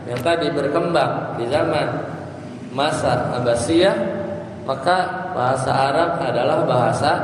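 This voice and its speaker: A male Islamic teacher giving a grammar lesson, quizzing his listeners and chanting lines of Arabic text in a sing-song. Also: medium pitch. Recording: very echoey hall, faint background noise.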